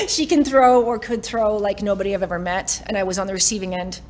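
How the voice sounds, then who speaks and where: A Canadian woman in her forties gives a motivational keynote on a summit stage in front of a live audience. She's chatty and self-mocking, often laughing between lines, and speaks at a moderate pace in a mid-range, darkish voice.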